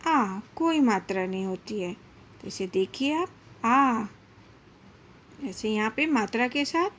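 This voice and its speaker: A woman teaching a grammar lesson to children, pronouncing each sound slowly and deliberately. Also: on the high side. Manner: slow, deliberate, drawn-out syllables with frequent pauses. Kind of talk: slow classroom lesson for children.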